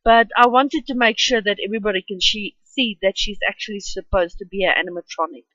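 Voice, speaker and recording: At home, a woman with an Afrikaans accent, Afrikaans being her first language, rambles chattily through a casual voice-over for her speed drawing, dropping plenty of ums. Her mid-range voice runs a little fast and a bit bright. There's no echo, though the highs are cut off.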